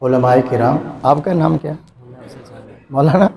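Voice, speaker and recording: A man's voice: a little high, creaky, a little mellow. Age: adult. Sex: man. Role: preacher giving a live sermon. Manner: dramatic storytelling, teases the crowd. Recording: echoey hall with PA. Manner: dramatic storytelling, teasing the audience, chanting verses melodically. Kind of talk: live Islamic sermon to a gathering.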